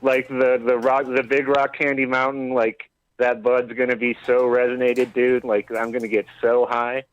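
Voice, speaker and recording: Laid-back male caller over a dull phone line; relaxed delivery. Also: mid-range voice, moderate pace, smooth. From Denver area, USA. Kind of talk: casual call-in chat.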